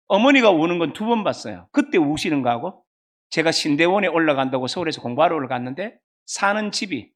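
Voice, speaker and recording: A high-pitched man in his fifties with a Gyeongsang accent, who is a pastor and seminary professor, preaches a sermon. He keeps it lively with storytelling and puts questions to the congregation.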